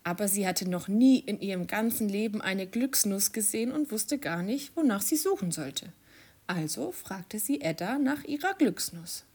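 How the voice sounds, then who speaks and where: A woman narrating a children's story in an expressive, sing-song manner. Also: medium pitch, moderate pace, husky.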